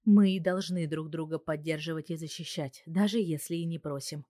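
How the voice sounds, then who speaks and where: A woman reading a first-person audiobook in a steady, even way. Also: deep voice, normal speed, no room sound, studio quality. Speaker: audiobook reader.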